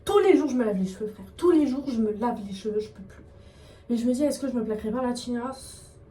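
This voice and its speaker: Getting ready at home, a young adult vlogger chats into her phone fast, rambling and teasing herself in slangy, casual talk. Her slightly high voice is soft and mellow. She sounds far from the mic in an echoey room, with a faint hiss behind her.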